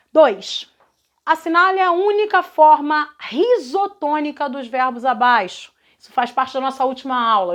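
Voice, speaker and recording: A Brazilian woman teacher correcting grammar exercises in a recorded lesson, explaining patiently and checking in with her students. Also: high voice. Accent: Brazilian Portuguese. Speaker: Portuguese teacher.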